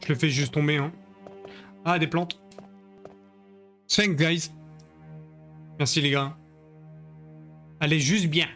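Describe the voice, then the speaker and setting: A man gives a live commentary over his gaming stream, tossing crude jokes and teasing at his viewers. His voice sits a little higher than most men's. Faint game music plays underneath. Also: fairly even intonation, takes it slowly, pauses often, fairly bright tone. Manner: crude, joking banter with chat.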